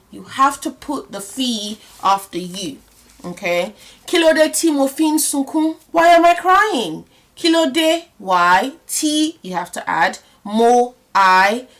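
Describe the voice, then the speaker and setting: A woman teaching a language lesson, explaining step by step and repeating example phrases slowly, checking in often with the listener. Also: medium pitch, fairly bright tone.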